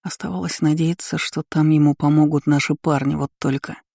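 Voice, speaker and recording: A man narrating a first-person fantasy novel as an audiobook, with a steady, dramatic reading close to the mic. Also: on the high side, fairly quick, gravelly, no room sound.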